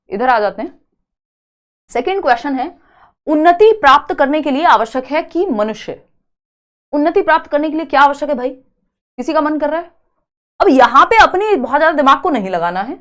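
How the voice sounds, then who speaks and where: A young woman teaching an exam prep grammar lesson live online, explaining step by step and asking the class questions. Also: high-pitched. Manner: chatty explaining, rhetorical questions to students.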